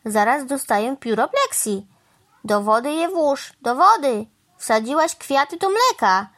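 A woman voicing an excitable, fussy male crow who squawks indignant exclamations. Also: high-pitched, measured pace, voice pushed up, exaggerated voice.

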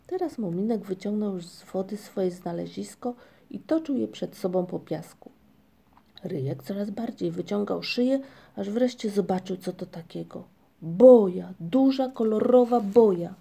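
Woman narrator reading a storybook, gentle and even; gravelly, mellow tone. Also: mid-range voice, moderate pace.

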